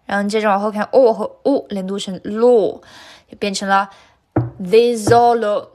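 A woman giving an online singing lesson, chatty and encouraging, stopping often to sing lines slowly for the learner. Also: medium pitch, fairly even intonation, darkish tone. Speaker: singing teacher.

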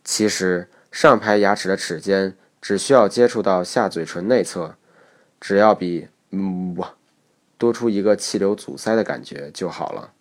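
A man with a very low voice narrates a pronunciation lesson. He explains each point step by step in a measured way. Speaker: English pronunciation teacher.

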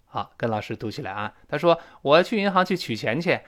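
A man's voice: a little high, lively intonation, fast talker, a bit bright. A man teaching a spoken English lesson, explaining pronunciation and modeling phrases for learners to repeat.

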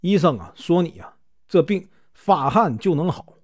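A man telling a folk tale, voicing a scheming young wife who speaks in a coaxing, soft way. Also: fairly low pitch, animated, moderate pace, breathy edge. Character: scheming young woman poisoning her husband.

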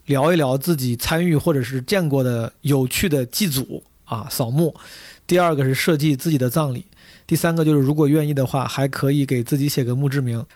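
A man hosting a podcast in a chatty, casual monologue, speaking straight to listeners with a hoarse, gravelly voice worn out from hours of talking. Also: mid-range voice, darkish tone, no room sound. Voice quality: gravelly, husky. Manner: chatty, addresses listeners directly. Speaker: podcast host.

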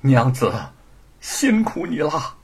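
A man voicing a gentle middle-aged scholar father who speaks softly and tenderly. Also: a little high, very animated, slow, vocal fry, breathy edge, pitched above the performer's own voice, exaggerated voice.

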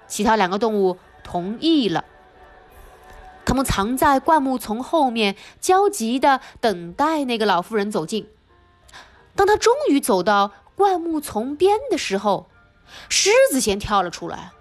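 Woman narrating kids' picture book, high lively voice, soft music behind. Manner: expressive, slow, animated storytelling. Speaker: storyteller. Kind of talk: children's picture-book reading.

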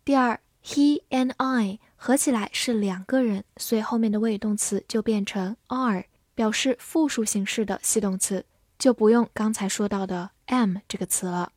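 A woman with a medium-pitched, darkish voice teaches English vocabulary in a scripted lesson. She spells words letter by letter and reads example sentences slowly. The studio sound is clean, with no room sound.

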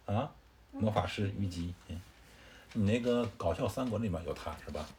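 A man with a fairly low voice retells a classic tale to a child in a relaxed, conversational manner. He stops to explain things in asides and fills pauses with "er". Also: slight background noise. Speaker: storyteller. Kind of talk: casual storytelling to a child.

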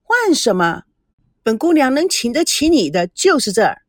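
A woman's voice: high-pitched, big pitch swings, normal speed, no echo, clean studio sound, voice pushed up. A woman voicing a brash, teasing young woman in an audio story, playful and bossy. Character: brash teasing young Taiwanese woman, cheeky self-styled beauty.

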